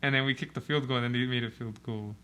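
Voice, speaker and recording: A young man chatting on a podcast, relaxed and slangy, breaking into laughs between thoughts. His voice is bright and forward, sitting at an ordinary male pitch. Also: fast talker, smooth. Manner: laid-back, laughs often, slangy. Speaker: podcast co-host. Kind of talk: casual chat.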